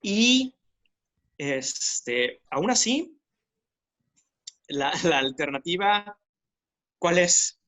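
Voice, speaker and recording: A man with a Mexican accent talks through a discussion podcast, weighing ideas aloud in a reflective, critical way. His voice sits a little high and sounds bright and forward. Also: sing-song, extremely slow, long pauses. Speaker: podcast co-host.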